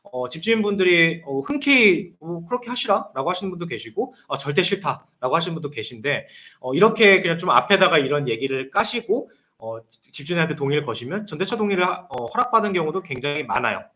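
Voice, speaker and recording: A man's voice: a little high, big pitch swings, fast talker, hardly any pauses, bright, forceful tone. A man in his thirties, a consultant answering viewer questions on a live stream in an explanatory way. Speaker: guest consultant.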